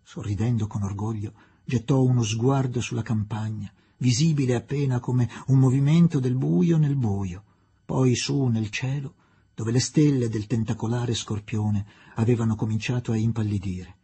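A man reading a novel aloud as an expressive, dramatic audiobook narrator. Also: medium pitch, moderate pace, breathy edge.

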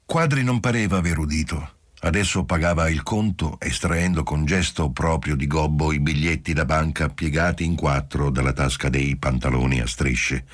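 A man giving steady, measured literary audiobook narration. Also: rumbling low, dry recording, clean studio sound.

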